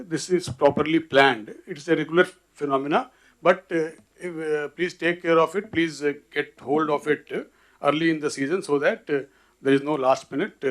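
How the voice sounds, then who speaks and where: A man with an Indian English accent giving a formal briefing to officials, hesitant with many fillers, often addressing the chair as sir. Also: on the high side. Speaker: government official presenting to collectors.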